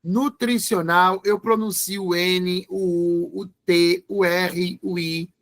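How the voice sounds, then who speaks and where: A man's voice: sits high, level tone, takes it slowly, gravelly. A man teaching an exam-prep grammar lesson, spelling words out letter by letter.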